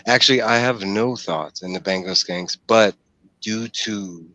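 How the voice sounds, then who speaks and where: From a small room at home, the host of a book discussion stream, a man in his forties, talks over a headset mic on a video call, explaining ideas and questioning the group. He has a lowish, sharp-toned voice and an unhurried pace, captured on a dry recording of poor quality.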